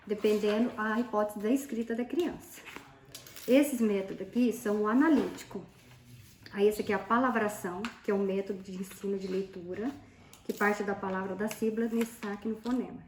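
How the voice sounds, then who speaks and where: A woman's voice: medium pitch, darkish tone, slight background noise. A woman, a tutor explaining methods casually while showing worksheets and pointing things out. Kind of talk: casual teaching demonstration. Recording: echoey room, faint background.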